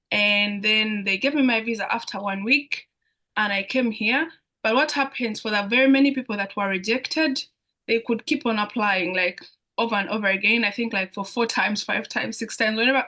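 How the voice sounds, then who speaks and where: Speaking on the high side with a sharp tone, a young adult woman from Uganda takes part as an international student guest speaker in a live online Q&A. She has a Ugandan accent and tends to repeat phrases as she explains.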